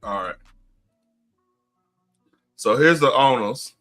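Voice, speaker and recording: A man co-hosts a casual livestream with a bright, forceful voice. He reads news stories in a halting way, pausing mid-sentence to search for things. He is fighting hiccups throughout. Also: medium pitch, faint music behind. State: has hiccups. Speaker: livestream co-host.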